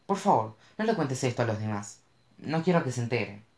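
A narrator voicing an anxious, dramatic teenage girl who wants to be a writer, with shrill, panicky outbursts. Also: very animated, a little fast, darkish tone. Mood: defensive, pleading. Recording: roomy echo.

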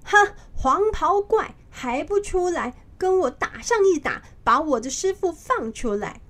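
A woman's voice: on the high side, expressive, a little slow, a little mellow. A woman doing a hot-tempered monkey king. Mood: fierce.

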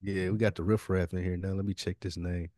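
A podcast co-host with a low, warm voice talks fast and flat, bantering informally and with plenty of slang while thinking aloud. The casual chat concerns a TV series fantasy draft, recorded at studio quality with no echo.

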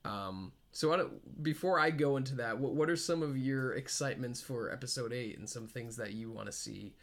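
Excitable rambling male podcaster. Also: mid-range voice, normal speed. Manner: excitable, rambling, laughs often. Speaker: podcast co-host. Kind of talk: casual fan chat.

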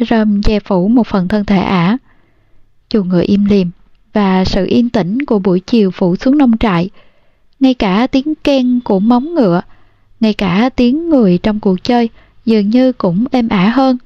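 A woman reading a novel aloud in a calm, measured way, as an audiobook narrator. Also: mid-range voice, dry recording, dull audio. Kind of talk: storybook narration.

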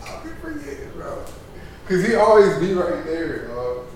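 A man chiming in with casual, slangy, repetitive remarks full of "bro", in an animated way. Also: on the high side, normal speed. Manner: animated, repeats himself, bro-heavy slang. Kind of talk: casual, slangy side chat. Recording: very echoey, distant from mic, background noise.

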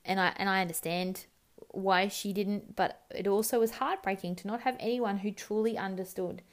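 A young woman with an Australian accent recounts her own experience in plain, unfiltered speech. She swears freely and drops quick mimicked lines from other people into the story. Her voice sits at an ordinary pitch. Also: fairly even intonation. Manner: candid and raw, swears freely, quotes others in bursts. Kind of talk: personal story told to camera.

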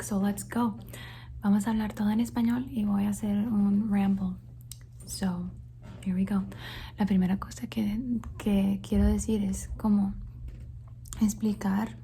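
A woman's voice: medium pitch, slight background noise. Whispering Colombian-born woman, ASMR ramble. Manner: soft whisper, switching between Spanish and English, repeating words for tingles. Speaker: ASMR creator. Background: faint thunderstorm sounds.

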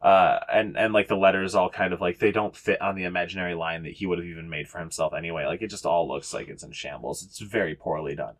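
Low-voiced young guy running a tabletop game, rambly, lots of likes and swears. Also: quick pace, few pauses. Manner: rambling, lots of fillers, profane. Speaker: game master. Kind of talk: casual narrating of a tabletop game.

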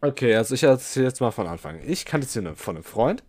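A young man rambles through a long story on a casual podcast, leaning on fillers and restarts. His voice sits at an ordinary middle pitch. The sound is dry and close, with no room behind it. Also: very animated, fast talker, a little mellow, no echo. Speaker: podcast co-host.

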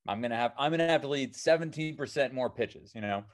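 An American man in his 30s, an alpine climber and filmmaker born in New Zealand and raised in Seattle, answers interview questions casually as a guest. He rambles loosely, saying "um" and "you know" a lot, in a mid-range voice at a quick pace.

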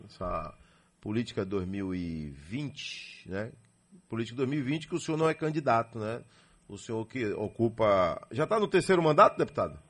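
A Brazilian radio host conducting an interview, asking chatty leading questions. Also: male voice, lowish voice, big pitch swings, moderate pace, a bit bright.

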